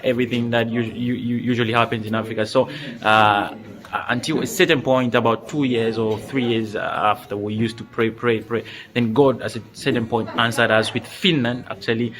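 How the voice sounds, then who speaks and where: A young man from Congo giving a personal faith testimony, speaking hesitantly with many pauses and restarts. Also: mid-range voice. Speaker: church member giving testimony.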